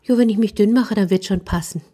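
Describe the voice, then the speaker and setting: A woman voicing a tiny, anxious mouse in a told children's story, with a high piping squeak. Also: fast talker, warm tone, slightly rough, natural voice. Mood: squeaky, anxious.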